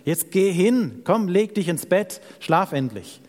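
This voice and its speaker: A man playing the old priest Eli, speaking in a gently dismissive, fatherly way, with long reverb around him. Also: high-pitched, sing-song, slow, heavily acted. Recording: reverberant hall.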